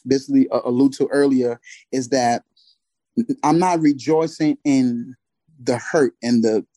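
A man co-hosts a faith podcast and reads scripture aloud, stumbling and restarting as he goes. His voice has a dark, mellow tone, recorded dry and close. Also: mid-range voice, no echo, poor audio. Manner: halting, with many fillers and restarts. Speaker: podcast co-host.

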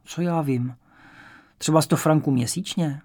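A man's voice: a little high, natural voice. A man reading an audiobook, voicing a small, chatty old landlady of about seventy who talks in a cautious, fussy way. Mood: eager. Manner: fussy, cautious, then eager and warm. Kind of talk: audiobook character voice.

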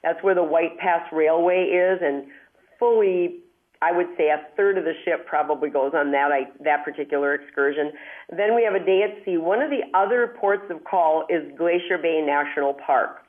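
A woman's voice: fairly low pitch, moderate pace. A woman hosting a call-in travel show from a speakerphone, chatty and upbeat, explaining at length. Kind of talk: call-in radio advice. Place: hotel room far from studio, calling in. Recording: tinny speakerphone line.

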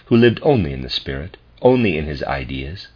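A man with a husky voice reading a scholarly philosophy lecture aloud in a formal, deliberate, professorial manner. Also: very deep voice, sing-song. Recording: dull lo-fi recording.

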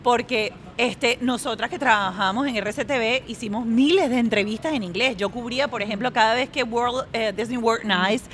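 A woman, an actress, chatting on a podcast and telling animated stories. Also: on the high side, moderate pace, hardly any pauses, a little hiss or hum. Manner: animated storyteller. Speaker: actress and acting studio owner. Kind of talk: casual podcast chat.

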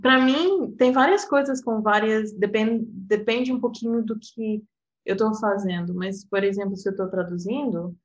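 A woman from Portugal, an interpreter and guest, speaks at medium pitch over a rough recording. Her European Portuguese accent comes through as she talks reflectively and personally in a casual conversation, laughing often and repeating "sabe?"

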